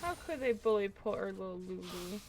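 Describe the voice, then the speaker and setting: A woman's voice: medium pitch, moderate pace, noisy background. A woman co-casting a video game match, chiming in with playful, short remarks. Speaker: esports co-caster. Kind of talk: casual color commentary.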